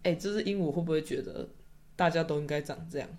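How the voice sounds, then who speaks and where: A man's voice: a little high, fast, a little mellow. Chatty young man. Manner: chatty storytelling, laughing often, trailing off mid-sentence. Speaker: podcast guest. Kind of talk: casual chat.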